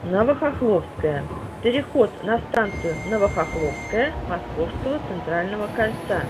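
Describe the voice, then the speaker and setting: Woman, train PA announcer over the loudspeaker, formal and steady, distant and noisy. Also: normal speed. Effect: played over a train loudspeaker. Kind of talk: prerecorded transit announcement. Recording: loudspeaker heard from off-mic in a noisy train car. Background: train rumble and carriage noise.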